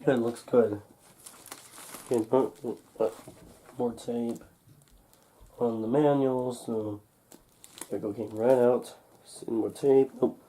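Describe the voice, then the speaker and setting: Mellow and medium-pitched, this young man's voice still carries a slight congestion from a cold as he mutters haltingly through a casual, unscripted unboxing at home. A camcorder mic close above the table catches him handling packaging, along with a little hiss or hum.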